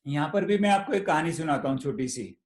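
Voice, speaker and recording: Club meeting speaker, man, motivational storytelling, repeats himself, higher voice. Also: animated, brisk, a little mellow, reverberant. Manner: storytelling, repeats words, mixes Hindi and English. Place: meeting room.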